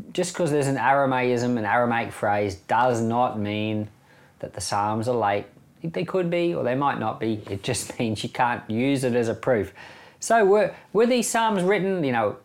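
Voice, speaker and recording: On his Bible podcast, a middle-aged Australian-accented pastor gives casual, down-to-earth commentary with the occasional chuckle. He speaks at normal speed with a medium pitch and lively intonation.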